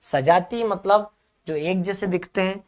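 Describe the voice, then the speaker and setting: A male teacher runs a live online grammar class. He answers viewers' comments in a reassuring tone and dictates definitions slowly, repeating each phrase. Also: high-pitched.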